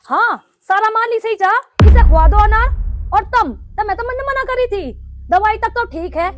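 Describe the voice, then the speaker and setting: A quarrelsome young daughter-in-law who nags and argues in a Haryanvi accent. Her voice is very high, with faint music underneath. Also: moderate pace. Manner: sharp, nagging and argumentative.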